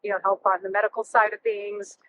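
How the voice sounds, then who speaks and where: A Russian-native woman in her thirties, former firefighter turned realtor, casually shares personal stories as an interview guest; she was born near Chernobyl and came to California as a child. Her medium-pitched voice is flat, brisk and a bit bright. It's a low-quality recording with a little hiss or hum.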